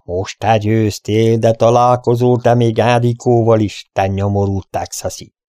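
A man voicing a hot-tempered cowboy bully in an audiobook, shouting threats. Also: fairly low pitch, little pitch movement, dry recording, clean studio sound, lightly acted. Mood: angry threatening.

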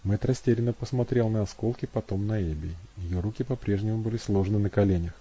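Mellow husky male audiobook narrator. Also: on the low side, fast, lo-fi sound. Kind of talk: scripted narration.

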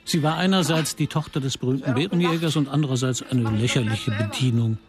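A man narrating a radio drama in a reflective, measured way. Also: medium pitch, close to an everyday voice. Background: music.

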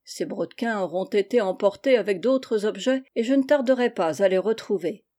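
A woman voicing a kindly stern old gentleman. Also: medium pitch, lively intonation, close to an everyday voice. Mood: measured. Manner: measured, gently admonishing.

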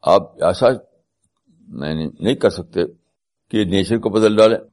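Lowish-voiced man giving a spiritual talk. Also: a little mellow. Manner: repeats key phrases for emphasis; mixes English terms into his speech. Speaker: religious speaker.

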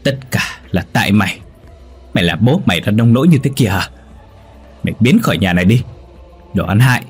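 A man voicing a furious young mother who hisses rapid scolding at her daughter. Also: lowish voice, lively intonation, husky, soft background music, full character voice.

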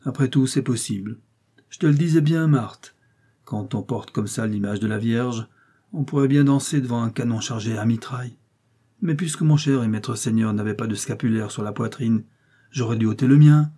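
A bitter, tearful old farmer mourns his lost master, his husky voice straining upward as grief breaks through. A man reads him aloud in a storybook reading. The tone stays dark and mellow underneath. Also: medium pitch, normal speed, natural voice. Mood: sorrowful.

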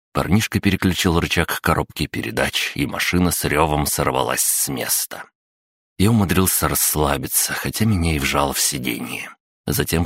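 A man reading a first-person story aloud in a measured, wry storytelling manner. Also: very deep voice, a bit bright, no echo, studio quality. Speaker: audiobook narrator. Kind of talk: scripted first-person narration.

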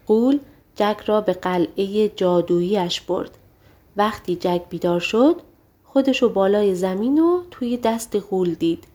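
A woman narrating a storybook audiobook of fairy tales, expressive and mixing colloquial with literary wording. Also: mid-range voice.

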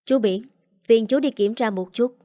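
Phụ nữ đọc vai người chồng trẻ điềm tĩnh. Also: female voice, fairly high pitch, moderate pace, no room sound, studio quality, natural voice. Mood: confident. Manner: calm, assured. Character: calm confident young husband.

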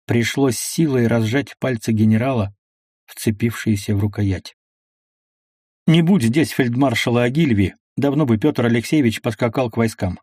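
A man reads an audiobook in a measured, even storytelling manner. His voice sits in the mid range, and the recording is studio quality with no room sound.

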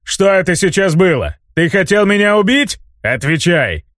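A man's voice: sits high, very animated, normal speed, fairly bright tone, no room sound, clean studio sound, pitched above the performer's own voice. A man reading an audiobook voices a scheming old mage who mocks and threatens in a hissing, self-satisfied way. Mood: angry. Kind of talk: audiobook character voice.

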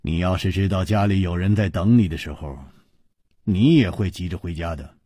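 Male narrator voicing a soft-spoken, smiling hero in an audio story, low and husky. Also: big pitch swings, moderate pace, no echo, clean studio sound, exaggerated voice. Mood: gentle, amused. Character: calm genial male hero, smiling and wise. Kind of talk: storytelling dialogue.

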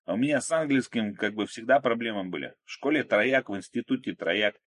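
A man voicing a brash, boastful, excitable man in an audiobook. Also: medium pitch, fairly quick, pitched above the performer's own voice, lightly acted. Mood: boastful chatter. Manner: loud, boisterous, pushy.

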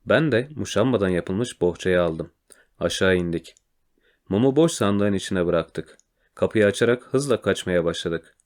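A man narrating a children's storybook in a quiet, measured way. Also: low voice, animated. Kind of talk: storybook reading.

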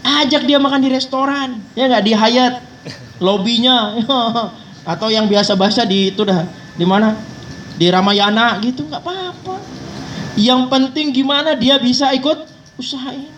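A man's voice: very high-pitched, moderate pace, a bit bright. A male preacher giving a folksy, joking sermon in a mosque, teasing listeners directly. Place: mosque hall. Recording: distant mic with faint traffic noise.

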